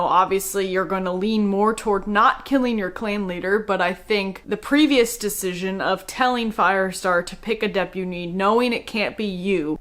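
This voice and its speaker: A woman's voice: medium pitch, fairly bright tone. A young woman talking casually and enthusiastically as she reviews books, sometimes laughing at herself. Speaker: book review vlogger. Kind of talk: casual spoken book review.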